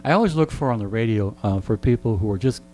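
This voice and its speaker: A middle-aged veteran radio host, being interviewed, tells stories in a rambling, dryly joking way. He talks fast with a lowish, warm, expressive voice, and there's a little hiss or hum on the recording.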